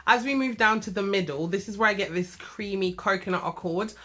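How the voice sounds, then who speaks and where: Talking briskly in a mid-range, fairly bright voice, a young British woman who vlogs about beauty chats warmly through her fragrance reviews. She keeps turning aside to address viewers, and she sounds a little nasal because of a cough.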